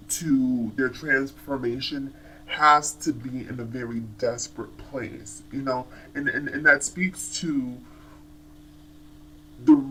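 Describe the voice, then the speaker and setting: A man giving casual commentary as a TV show reviewer, animated and chatty, often restarting his sentences. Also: mid-range voice, slight background noise, rough recording.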